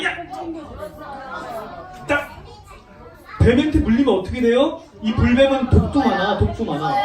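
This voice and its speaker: A woman giving a lively sermon to young children, asking them questions and acting out the story. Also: fairly high pitch. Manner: animated, questions children, acts out voices. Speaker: children's Sunday school preacher. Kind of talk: children's sermon with call and response. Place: large church hall. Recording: roomy echo, distant mic.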